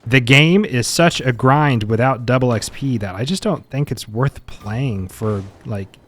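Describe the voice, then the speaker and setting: A man's voice: medium pitch, measured pace, a little hiss or hum. A man giving casual, opinionated gameplay benchmark commentary, chatty and mildly exasperated. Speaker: gaming content creator.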